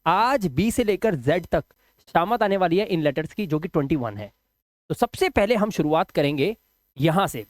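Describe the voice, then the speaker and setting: A man's voice: high-pitched, no echo, clean studio sound. A male English teacher giving a spoken lesson. He asks the class questions and answers them himself, and drags out letter sounds as he spells. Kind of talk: spoken video lesson for students.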